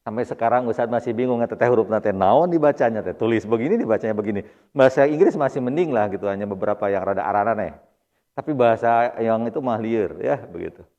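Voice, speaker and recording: A man's voice: fairly low pitch, animated, fast, mellow, muffled recording. A man with a Sundanese accent teaching Arabic grammar at a mosque study circle, explaining patiently and addressing his listeners politely. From Indonesia. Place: mosque hall. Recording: long reverb in a mosque hall.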